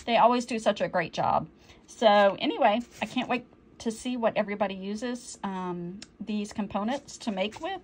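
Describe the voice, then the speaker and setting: A woman with a medium-pitched voice chats casually at a moderate pace while unboxing something. She's easily delighted and often apologizes for her slips.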